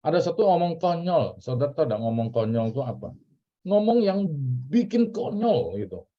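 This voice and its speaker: A man's voice: a little high, sing-song, moderate pace. Chatty man teaching a church class. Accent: Indonesian. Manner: chatty, repeats key words, drills phrases. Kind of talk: casual teaching, asking the class questions. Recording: dull lo-fi recording.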